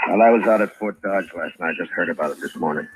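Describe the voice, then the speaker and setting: An actor playing a stern, steady frontier marshal, firm and terse, in an old-time radio western. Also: male voice, sits low, fast talker, natural voice. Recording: noisy thin old radio recording.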